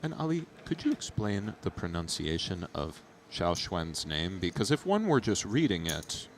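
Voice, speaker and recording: A man giving analytical poker commentary and casual chat in a measured, thoughtful way. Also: sits low, very animated, slight background noise.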